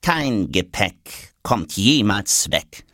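A man's voice: mid-range voice, wildly swooping pitch, a little slow, a bit bright, no echo, clean studio sound, pitched above the performer's own voice, full character voice. A man voicing a curious, lecturing diplomat's briefcase in a children's story. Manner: lecturing, nosy. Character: light brown diplomat's briefcase, know-it-all, curious. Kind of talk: audiobook character voice.

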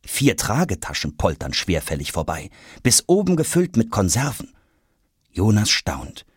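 A man narrating a children's audiobook in a lively, expressive way. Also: fairly low pitch, unhurried, breathy edge, no room sound, studio quality.

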